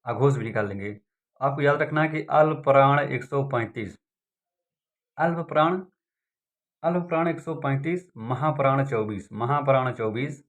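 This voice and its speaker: Man, exam-prep teacher, repetitive drilling, medium-pitched voice. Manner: repetitive, drilling, asks and answers own questions.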